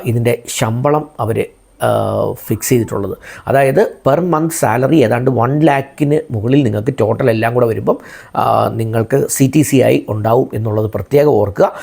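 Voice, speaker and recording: Speaking with a mid-range, gravelly and slightly mellow voice, this Indian video channel host has a Malayalam accent in his English. He presents an informational explainer to viewers, going back over key points by repeating and rephrasing them.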